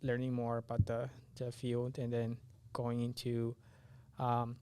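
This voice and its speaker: This podcast guest is a young engineering student born in Honduras who came to the US at age nine and grew up speaking Spanish. In a relaxed interview he frequently gropes for words, speaking a little slowly in a monotone. His medium-pitched voice is dark and smooth, recorded with no room sound.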